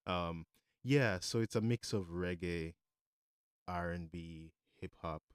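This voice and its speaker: A man from Jamaica, a musician, answering interview questions in a relaxed, thoughtful way with many fillers. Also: low-pitched, slow, clean tone, dry recording, studio quality. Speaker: musician guest.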